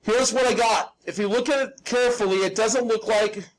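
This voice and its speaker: Working through a live hand-drawing demonstration, a drafting teacher guides students one step at a time in a high, slightly raspy voice. He's informal, self-deprecating and hands-on, frequently stopping to check in with "okay?" The recording is rough.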